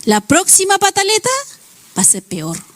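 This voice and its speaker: A woman's voice: very high-pitched, wildly swooping pitch, moderate pace, dry recording. A woman pastor preaching a sermon, illustrating points with everyday examples and acted-out quotes.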